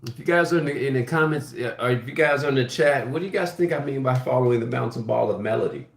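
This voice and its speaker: A man giving a casual live music lesson, thinking aloud in a halting way and often restarting his phrases. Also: mid-range voice, creaky. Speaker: music teacher hosting a livestream. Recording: echoey room with piano playing. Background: piano.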